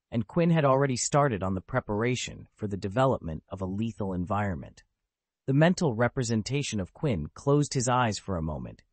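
Brief: male audiobook narrator, low voice with a lively pitch range, steady literal reading, dry close mic. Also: no echo. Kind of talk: scripted narration.

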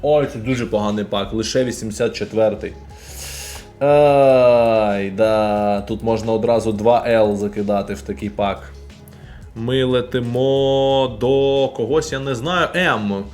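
A man streaming and commenting casually on a game, excitable, bursting into loud exclamations. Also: lowish voice, normal speed, few pauses, soft background music.

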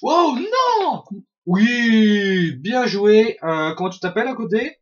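A man giving excitable, profanity-laden commentary while playing an online game, often shouting at opponents. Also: high voice, slow, dull audio. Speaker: gaming video host. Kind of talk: Let's Play commentary.

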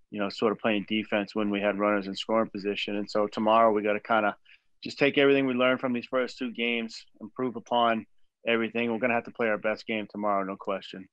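A man in his forties, a head baseball coach, answering press questions after a game in a measured way with many fillers and restarts, over a video call from a small room. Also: lowish voice, fairly bright tone, no room sound. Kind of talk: postgame press conference. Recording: dull dry video call audio.

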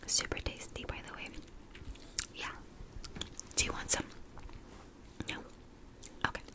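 A young woman whispers very close to the microphone in an ASMR role-play. Her soft phrases are repetitive and soothing, mixed with tingly mouth sounds. The whispered role-play is addressed straight to the listener. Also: a little slow. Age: young adult. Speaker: ASMR video creator. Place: small indoor room. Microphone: close to the mic, facing camera.

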